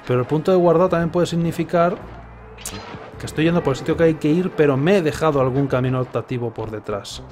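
A man's voice: a little high, fast talker, darkish tone. A man in his thirties with a Spain accent, giving casual, sarcastic, rambling commentary as he plays a game. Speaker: video game streamer. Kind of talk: casual live gameplay commentary. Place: indoors, streaming setup. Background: game music and effects.

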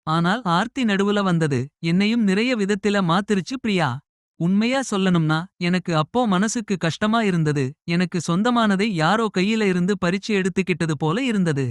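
A man voicing a caring middle-aged mother who scolds softly and reassures tenderly. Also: sits high, normal speed, smooth, no echo, studio quality, pitched above the performer's own voice, close to an everyday voice.

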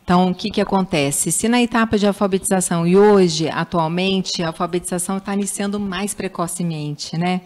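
A woman's voice: lowish voice, a little fast, few pauses, darkish tone. Explaining Brazilian woman speech therapist. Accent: Brazilian Portuguese. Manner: patient, explanatory, acts out parents' baby talk. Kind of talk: explanatory interview answers.

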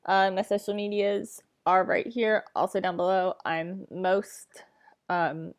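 A woman's voice: mid-range voice, flat delivery, slow. A young woman talking casually to her webcam in a small bedroom, reacting to a song with hesitant, rambling remarks and sighs. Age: young adult. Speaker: reaction vlogger. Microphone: laptop webcam mic.

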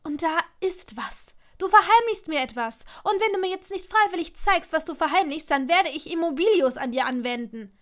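A fiery young witch pushes every phrase hard, raising her bright, high voice with strong emphasis, as a woman reading an audiobook plays her. She sounds proud and stubborn. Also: animated, normal speed. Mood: furious. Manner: loud, heated, emphatic. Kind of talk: audiobook reading of fan fiction.

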